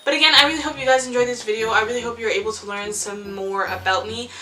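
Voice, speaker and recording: A woman's voice: a little high, steady tone, quick pace, bright, forceful tone. Chatty teenage girl vlogger over music. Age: teens. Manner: chatty, rambling, lots of "like" and "ew". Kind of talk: casual chat to camera. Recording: music playing under the voice.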